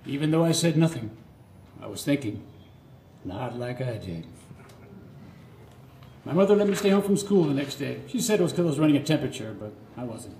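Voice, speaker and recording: With a mid-range, sing-song voice and a dark tone, the middle-aged storyteller moves briskly but leaves long pauses. His live monologue is scripted, autobiographical, theatrical and earnest, given phrase by phrase. The setting is a live radio theatre stage, recorded roomy with clear background noise.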